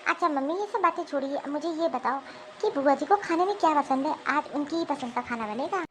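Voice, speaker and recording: A woman voicing a sweet, polite young daughter-in-law in an animated cartoon, coaxing gently. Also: high voice, fairly quick, a little hiss or hum, rough recording.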